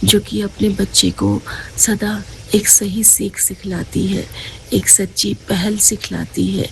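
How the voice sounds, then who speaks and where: A woman giving a gentle, earnest devotional talk, often speaking straight to her listeners as she tells of a dream. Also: medium pitch, a little hiss or hum, poor audio. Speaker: satsang speaker.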